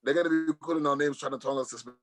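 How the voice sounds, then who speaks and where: A man's voice: on the high side, fairly even intonation, rapid-fire. A young man co-hosting a casual podcast, joking and laughing as he tells stories. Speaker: podcast co-host. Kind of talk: casual chat.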